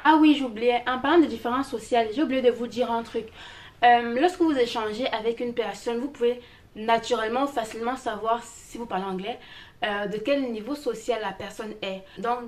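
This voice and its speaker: A woman vlogger chatting casually and animatedly, speaking straight to her viewers about a trip. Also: a little high. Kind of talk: casual travel vlog.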